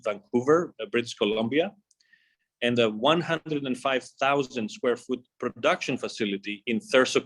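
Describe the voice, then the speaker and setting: A man with a medium-pitched, slightly bright voice plays a company executive in a scripted corporate presentation. He reads formally and in a measured way, laying out his material in short phrases.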